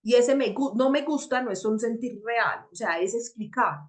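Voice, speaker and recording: A woman's voice: on the high side, normal speed. A woman teaching a personal growth workshop, talking reflectively and often checking in with her listeners. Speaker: workshop facilitator.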